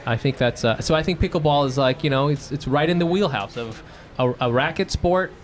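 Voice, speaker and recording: A man with an American accent hosts a podcast, speaking fairly quickly at medium pitch. His style is casual comic banter, with jokes and light swearing.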